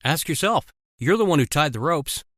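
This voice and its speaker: A man voicing a defiant young woman, a wife secretly working as a spy, in an animated story. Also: a little high, moderate pace, no echo, clean studio sound, voice pushed up. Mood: urgent. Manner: pleading then defiant.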